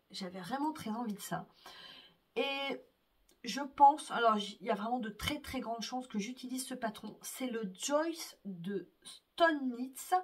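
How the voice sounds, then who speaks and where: A woman host chatting slowly in a show-and-tell way, gushing and hesitant, with soft whispered asides. Her voice is breathy and fairly high. She sits a little distant from the mic. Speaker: knitting podcast host. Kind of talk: casual show-and-tell chat.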